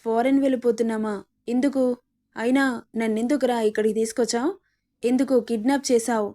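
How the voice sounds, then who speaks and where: A woman's voice: on the high side, fairly even intonation, brisk, dark tone, natural voice. A woman voicing a young kidnapped woman who demands answers, confused and defiant. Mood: demanding.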